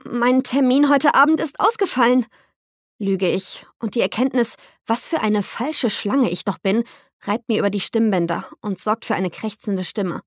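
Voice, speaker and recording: A woman narrating a novel in the first person, with steady, reflective storytelling. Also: medium pitch, moderate pace, husky, dry recording, studio quality. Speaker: audiobook narrator.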